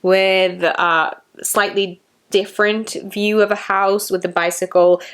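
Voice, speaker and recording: A woman hosting a casual book review vlog, chatty and excitable, speeding up when she gets excited. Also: mid-range voice, takes it slowly, clean tone.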